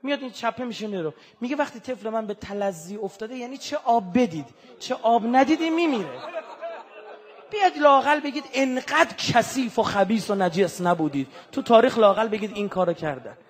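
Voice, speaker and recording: A man giving an impassioned religious sermon, moving from hushed, mournful passages to loud, fervent outbursts. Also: very high voice, animated, some chatter behind. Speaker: religious speaker.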